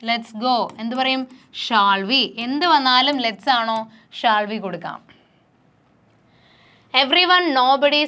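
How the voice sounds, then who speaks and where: Bright, clear-voiced woman teaching grammar. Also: fairly high pitch. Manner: drills students with repeated questions. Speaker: English teacher. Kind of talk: exam grammar lesson.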